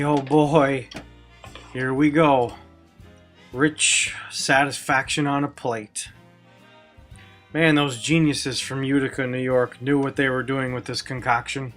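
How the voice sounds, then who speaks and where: A man's voice: mid-range voice, steady tone, takes it slowly, pauses often, fairly bright tone, soft background music. A man hosting a cooking video, walking through a recipe step by step with wry, self-deprecating jokes. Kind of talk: cooking demonstration with jokey asides.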